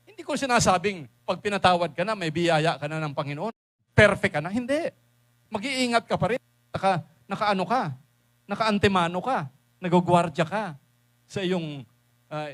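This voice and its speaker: A man with a Filipino accent preaching a sermon, swinging from hushed asides to loud exclamations and mixing English phrases into his talk. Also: high voice.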